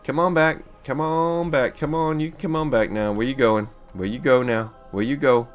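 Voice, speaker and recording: A man's voice: mid-range voice, fairly even intonation, soft background music, pitched above the performer's own voice, close to an everyday voice. A man putting on a coaxing southern drawl. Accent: American Southern. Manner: coaxing, drawn-out repeated commands.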